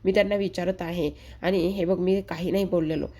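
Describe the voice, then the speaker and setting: A woman reading the lines of a flustered young man who keeps insisting he did nothing, in a low, mellow voice close to her own. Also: steady tone, fairly quick. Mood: pleading. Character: flustered young man pleading his innocence.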